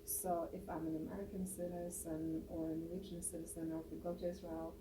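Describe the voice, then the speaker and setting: A woman's voice: on the low side, flat delivery, a little fast. A woman raised in Norway, a guest on a casual radio interview, talking with many hesitant fillers. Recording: roomy, distant mic, noisy.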